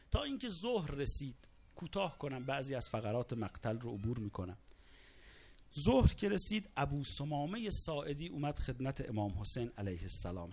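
A man's voice: mid-range voice, darkish tone, breathy edge. A man preaching a sermon, recounting a martyrdom story with dramatic storytelling and quoted Arabic lines. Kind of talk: sermon narrating a martyrdom account.

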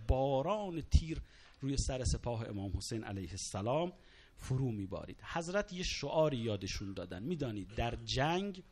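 A man's voice: medium pitch, slight background noise. A man preaching a sermon, recounting a martyrdom story with dramatic storytelling and quoted Arabic lines. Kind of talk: sermon narrating a martyrdom account.

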